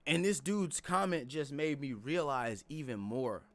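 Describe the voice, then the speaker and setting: A man ranting to his viewers in a casual, profane, animated way, calling them bro. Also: on the high side, measured pace. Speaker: vlogger. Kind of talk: casual rant to camera. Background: background music.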